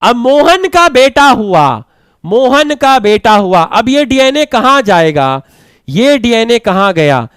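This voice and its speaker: A man teaching biology, slowly dictating and repeating phrases for students to write down, mixing terms into his talk. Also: extremely high pitch, very animated, a bit bright, clear, resonant tone, no room sound. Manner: repeats phrases slowly for note-taking, mixes English terms. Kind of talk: lecture, dictating notes.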